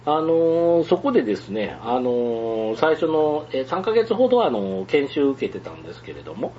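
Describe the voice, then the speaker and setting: A man's voice: mid-range voice, big pitch swings, moderate pace, mellow, dull audio, slight background noise. A man chatting casually on the radio, rambling with many fillers and frequent chuckles. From Hyogo, Japan.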